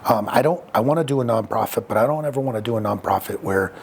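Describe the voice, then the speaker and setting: A man with a low, gravelly voice speaks frankly as a podcast guest, reflecting on his past in an unhurried, conversational way. He often pauses with fillers and restarts, and a faint hiss runs beneath the recording.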